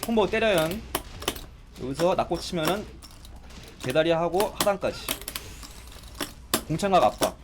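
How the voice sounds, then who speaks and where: Man streaming a game, lively swooping voice, excitable, faint hiss and keyboard clicks. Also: fairly high pitch, a little slow, long pauses. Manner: excitable, exclaiming and complaining while playing. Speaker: gaming streamer. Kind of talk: live gameplay commentary.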